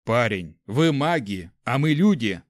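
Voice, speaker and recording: A man's voice: mid-range voice, big pitch swings, a little slow, no room sound, studio quality. A man doing a wry mercenary leader. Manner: matter-of-fact, smirking. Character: gruff male mercenary leader, middle-aged and wry. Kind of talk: audiobook character voice.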